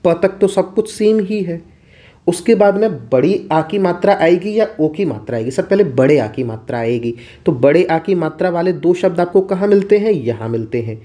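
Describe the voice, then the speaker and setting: Male tutor, warm low tone, patient exam-prep explainer who talks to himself in questions. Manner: asks and answers his own questions. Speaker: teacher. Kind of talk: exam-prep Hindi lesson.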